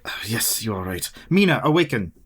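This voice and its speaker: An actor playing an old, determined professor and vampire hunter in a radio play, formal and deliberate. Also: male voice, on the low side, sing-song, husky. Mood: gentle.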